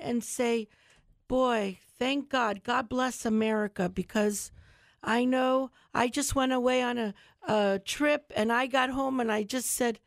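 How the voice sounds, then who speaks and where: A woman's voice: high-pitched, no room sound. A woman hosting a talk show, chatty and effusive, full of heartfelt praise for her guests.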